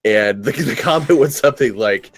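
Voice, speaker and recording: A man's voice: medium pitch, animated, moderate pace, breathy edge. A man playing a multiplayer strategy game, telling rambling anecdotes over a headset mic with many restarts. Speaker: multiplayer game player and video maker. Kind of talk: casual voice-chat banter.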